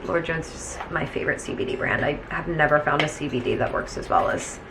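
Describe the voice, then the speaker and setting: A young woman chatting casually to viewers in a home vlog, sounding hungover, tired and low on energy, with a gravelly creak in her voice. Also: animated, a little fast, background noise. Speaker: vlogger. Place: at home indoors.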